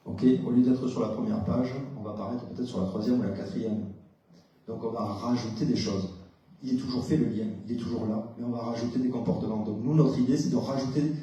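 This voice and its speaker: A man's voice: medium pitch, fairly even intonation, fairly quick, dark tone. A man, a psychologist, giving a conference talk, explaining step by step, putting questions to the audience and often hesitating with "euh". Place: lecture hall, indoors. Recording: very echoey hall, distant mic.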